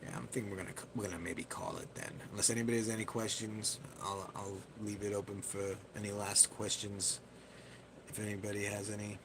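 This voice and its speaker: A man's voice: on the low side, fairly quick. A man hosting a casual livestream, rambling loosely and poking fun at himself. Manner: rambling, self-deprecating, loose. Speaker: livestream host. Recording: steady background hiss.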